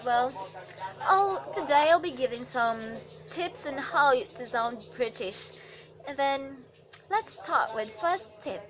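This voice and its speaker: High-voiced woman teaching accents. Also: a bit bright, low-quality recording. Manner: chatty, with frequent fillers and self-corrections. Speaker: accent tutor. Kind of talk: casual vlog lesson.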